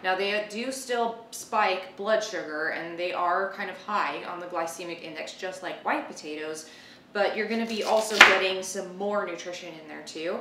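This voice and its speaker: Speaking at a moderate pace in a lowish voice, this cooking show host, a woman in her thirties, runs an informal demonstration indoors at home and thinks out loud while cooking. There's background noise throughout: the distant mic catches a roomy sound full of chopping, clicks and clattering pans.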